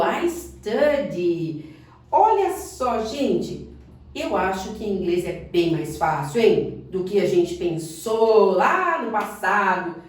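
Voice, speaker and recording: A woman teaching basic English in an online lesson, coaxing, asking the learner questions and slowing down on example sentences. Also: mid-range voice, very echoey, distant mic. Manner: speaks slowly on English examples.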